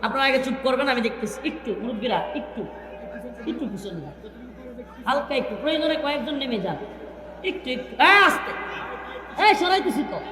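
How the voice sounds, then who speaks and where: A man preaching an Islamic sermon into a stage microphone and sternly hushing a large crowd. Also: very high voice, animated, a little fast, long pauses. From Bangladesh. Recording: echoey public-address sound with long reverb.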